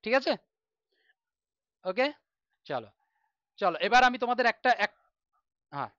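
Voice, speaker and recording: Bright, crisp-voiced male teacher, patient. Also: high-pitched, very animated, measured pace, no echo, muffled recording. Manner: patient, reassuring, recites syllables in a chant. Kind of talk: online grammar class.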